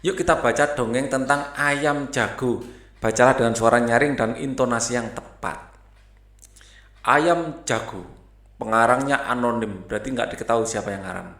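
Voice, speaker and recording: A man's voice: mid-range voice, normal speed, a bit bright. Give me a man casually explaining a school lesson in an echoey room. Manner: casual, chatty explaining, mixes in English words. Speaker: teacher.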